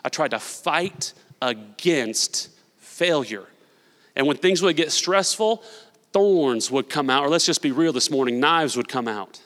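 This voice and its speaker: A male pastor preaching a sermon. He swings between loud, emphatic preaching and hushed, confessional storytelling. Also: on the high side, expressive, unhurried. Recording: long hall reverb.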